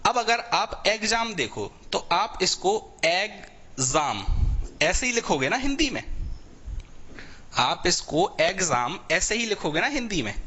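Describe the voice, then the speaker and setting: एक पुरुष शिक्षक लाइव ऑनलाइन कक्षा में अंग्रेज़ी व्याकरण पढ़ाता है, बात-बात पर "ठीक है भाई" पूछता है और शब्दों को खींचकर बोलता है।. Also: male voice, high-pitched, sing-song, slow, bright, forceful tone. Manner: repetitive, checks in often with "theek hai bhai". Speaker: English teacher for exam preparation. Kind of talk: live online class lecture.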